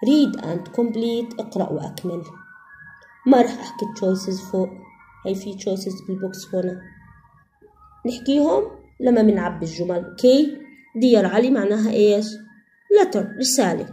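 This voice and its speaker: A woman with a Levantine Arabic accent teaching an English grammar lesson, slowly repeating each English word and giving its Arabic meaning. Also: mid-range voice, lively intonation, dark tone, a little hiss or hum.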